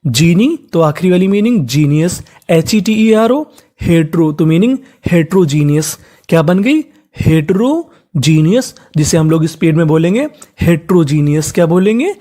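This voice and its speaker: A teacher giving a spelling lesson who spells each word letter by letter, blends it slowly, and asks and answers their own questions. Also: mid-range voice, lively intonation, dark tone. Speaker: English teacher. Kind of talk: spelling lesson, sounding out words.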